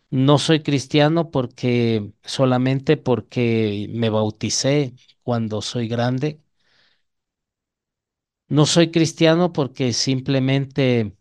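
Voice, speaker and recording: Preaching an evangelical sermon with an Ecuadorian Spanish accent, a man teaches didactically and frequently asks his listeners questions. His voice is mid-range with a darkish, clean tone.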